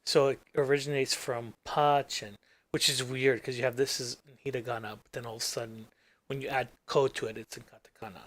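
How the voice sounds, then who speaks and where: An English-speaking man hosts his own gaming channel, talking through what he's doing on screen in a casual recording. His medium-pitched voice is fairly even, fairly quick and slightly bright. He rambles and his words trail off into mumbles.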